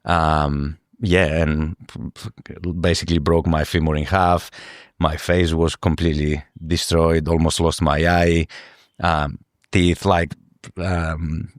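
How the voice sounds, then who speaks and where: A man from Greece, a podcast guest speaking earnestly in a halting way, often repeating words as he searches for them. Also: a bass voice, little pitch movement, no room sound, studio quality. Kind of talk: podcast interview.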